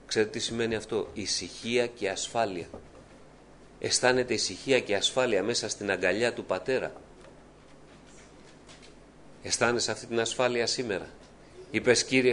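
A man's voice: fairly low pitch, fairly bright tone, a little hiss or hum. A middle-aged man preaching a fervent testimony sermon, often calling out to his beloved brethren. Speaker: church preacher giving testimony.

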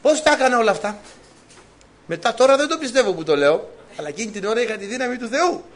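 A man from Greece preaching a sermon, telling personal stories with lively, animated delivery. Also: very high voice. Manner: lively, animated storytelling, laughs at own stories.

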